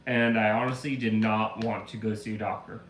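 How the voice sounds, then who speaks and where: On the low side and fairly quick, with little pitch movement, the live streamer talks from his room at home, his voice back after the flu though a slight cough remains. He rambles casually through his stream chat, stacking up fillers, especially "like," while the echoey room carries a faint hum of ambience.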